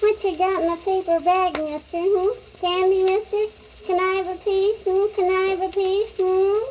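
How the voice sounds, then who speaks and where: A woman in a 1940s radio comedy voicing a pesky, nosy little neighbor girl who wheedles in a squeaky voice. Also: flat delivery, normal speed, darkish tone. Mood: wheedling. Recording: crackly old 78 record.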